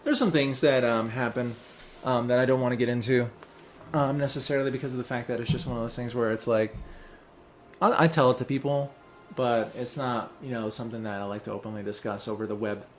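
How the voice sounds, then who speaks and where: A man's voice: medium pitch, fairly even intonation, brisk, soft background music. A young man hosting a let's play, chatting casually while he plays, rambling and distracted, with many fillers. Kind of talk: casual chat while playing a game.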